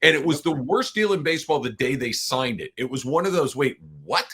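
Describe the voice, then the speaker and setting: A middle-aged man co-hosting a sports podcast, giving opinionated, animated takes on baseball. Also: on the high side, fairly quick, slightly rough. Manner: opinionated, animated, quotes people in asides. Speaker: podcast co-host.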